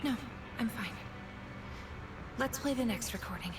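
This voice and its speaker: A man reading a game's dialogue, voicing a shaken young woman in a raised, quiet voice. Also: very high-pitched, unhurried, noisy background, voice pushed up. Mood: subdued.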